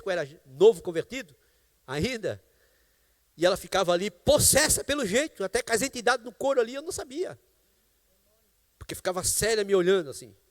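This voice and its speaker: A man's voice: high voice, big-room sound. A man pastor with a Brazilian Portuguese accent, preaching a sermon in a large church and telling a personal testimony with exclamations of praise. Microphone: live stream church microphone.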